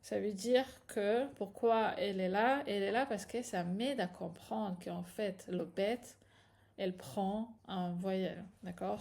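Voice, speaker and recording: A woman's voice: medium pitch, gravelly, darkish tone. A woman teaching a patient, step-by-step reading lesson, often checking in with her students. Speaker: Hebrew teacher.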